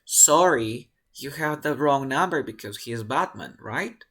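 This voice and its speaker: A man teaching an online English lesson to Spanish speakers, repeating phrases slowly and quizzing his students. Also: mid-range voice, animated, fairly bright tone.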